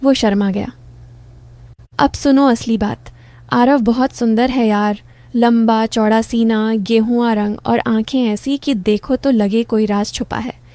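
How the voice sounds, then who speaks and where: Middle-aged woman, storyteller, confiding, intimate, fairly high voice, mellow. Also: steady tone, a little slow, no room sound. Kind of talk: first-person story narration.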